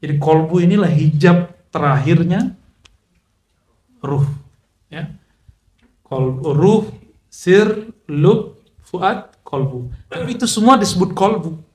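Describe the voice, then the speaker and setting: A man's voice: on the high side, expressive, takes it slowly, long pauses, darkish tone, echoey room. A man preaching a casual religious lecture, joking with listeners, mixing in recited Arabic. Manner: chatty, joking asides, Arabic recitation mixed in. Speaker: Islamic preacher.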